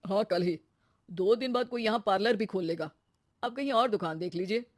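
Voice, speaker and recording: A woman's voice: mid-range voice, brisk, dry recording, clean studio sound, lightly acted. A woman voicing a matter-of-fact male shop owner in a cartoon moral story, who turns a customer away. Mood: dismissive.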